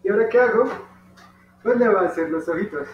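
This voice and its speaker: An origami instructor with a high voice and Colombian Spanish accent talks fast as he guides children step by step through folding and coloring a paper dog. Patient and encouraging, he addresses the kids directly and checks in with them often. He sounds distant from the mic in a roomy space, with a dull sound and faint hum.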